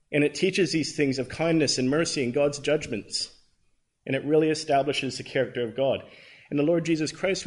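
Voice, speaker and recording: Canadian guy in his 30s giving a bible class talk, earnest, lots of ums, voice a bit on the high side. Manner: earnest, conversational, with frequent ums and restarts.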